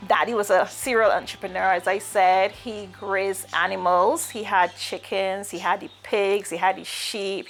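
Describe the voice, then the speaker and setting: A Barbadian woman telling her personal life story in a reflective, unhurried way, pausing often and using fillers. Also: mid-range voice, fairly bright tone. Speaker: guest.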